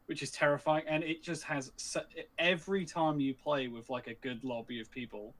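A man's voice: on the high side, fairly even intonation, normal speed, fairly bright tone. A man talking casually about games, hesitant and full of ums and likes.

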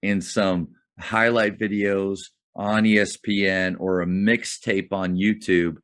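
A man's voice: low-pitched, level tone, takes it slowly, a bit bright. A man hosting a casual podcast chat, agreeable and backing his guest with short replies.

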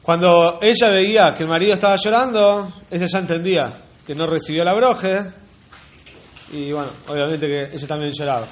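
A man's voice: on the high side, moderate pace. A man telling a religious folk tale unhurriedly, repeating words and turning to his listeners with asides. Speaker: storyteller.

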